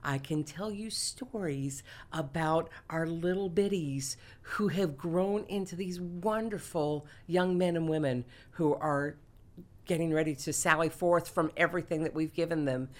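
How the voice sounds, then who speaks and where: A woman in her forties who runs a school theater program, telling her story in an animated, quick way. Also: sits low. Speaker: theater teacher. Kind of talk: interview conversation.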